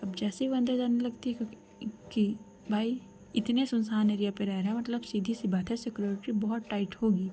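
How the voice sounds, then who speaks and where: A young adult woman telling a serialized love story in a soft, breathy, half-whispered voice, with casual asides to the listener. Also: a little high, steady tone, fairly quick, a little hiss or hum. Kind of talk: hushed serialized story narration.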